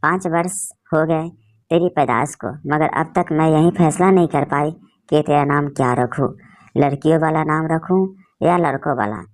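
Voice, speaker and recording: A woman's voice: low voice, fairly even intonation, moderate pace, darkish tone, close to an everyday voice. A woman voicing a grieving, loving mother who speaks tenderly through her tears. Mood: sorrowful.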